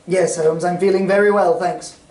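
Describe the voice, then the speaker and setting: A man playing a loyal, curious gentleman doctor, polite and earnest, in a stage reading of a radio drama. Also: high-pitched, steady tone, normal speed, natural voice. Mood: friendly, curious. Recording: distant roomy stage recording, faint noise.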